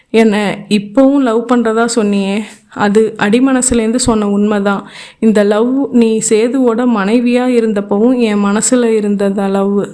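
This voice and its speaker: A woman reading an audio novel, voicing a gentle man who consoles his former lover in a calm, restrained way. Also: on the high side, natural voice.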